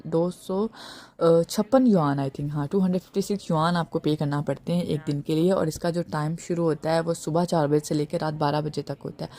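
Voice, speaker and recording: Woman talking travel tips on her vlog, low mellow voice, dry close sound, lots of fillers. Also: no echo. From Pakistan. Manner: chatty, advice-giving, many "matlab ki" fillers. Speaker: travel vlogger. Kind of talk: casual travel-guide narration. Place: airport terminal, recorded while touring.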